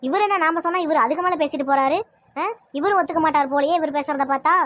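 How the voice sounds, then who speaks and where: A woman's voice: high voice, fast talker, fairly bright tone, no room sound, clean studio sound. A woman with a Tirunelveli Tamil accent voicing an angry, sarcastic mother in a cartoon family quarrel. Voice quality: nagging, sarcastic. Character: angry mother siding with her brother. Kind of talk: cartoon voice acting.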